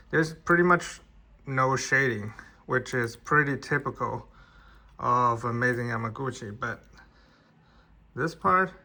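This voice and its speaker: A man's voice: mid-range voice, creaky, pushed and bright. A man, not an English speaker, casually reviewing an action figure in plain conversational talk with restarts. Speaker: toy reviewer.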